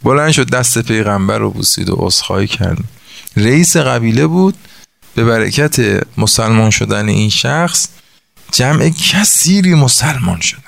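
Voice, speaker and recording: A man's voice: medium pitch, animated, vocal fry, no room sound. A man preaching a sermon, telling religious stories and acting out the voices of the people in them, asking his listeners questions as he works through sums. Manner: acts out voices in the stories he tells.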